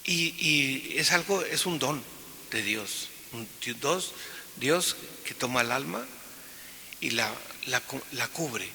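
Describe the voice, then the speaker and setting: A man's voice: medium pitch, expressive, slow, vocal fry, sharp tone. A man speaking as a priest at Mass, solemnly delivering scripture and homily in an echoing church. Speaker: priest celebrating Mass, preaching. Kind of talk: liturgical Gospel reading and homily. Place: large reverberant church. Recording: echoey cathedral-like reverb, hissy background noise.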